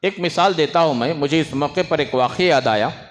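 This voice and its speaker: A man preaching an Islamic sermon, swinging between raised, emphatic phrases and low asides, and stopping to hush restless children. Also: fairly quick. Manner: scolds and hushes children in the audience. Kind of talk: religious sermon. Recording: long hall reverb.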